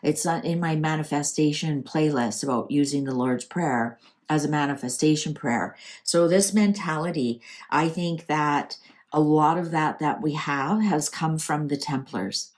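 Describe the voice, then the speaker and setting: A woman with a Canadian accent hosts her channel, doing a casual, improvised tarot reading and thinking aloud conversationally. Her voice is deep and darkish, and she speaks unhurriedly.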